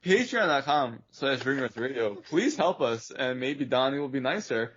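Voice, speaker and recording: A man's voice: mid-range voice, animated, moderate pace, fairly bright tone, breathy edge. A man co-hosting a podcast in casual, profane, joking banter. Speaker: podcast co-host. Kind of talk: casual chat. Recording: slightly muffled podcast audio.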